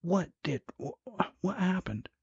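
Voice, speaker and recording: Man doing a startled young wife, high stammering voice, husky edge, dull dry sound. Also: animated, slow, darkish tone, no echo, exaggerated voice. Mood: frightened. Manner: stammering, breathless. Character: frightened young wife, just woken.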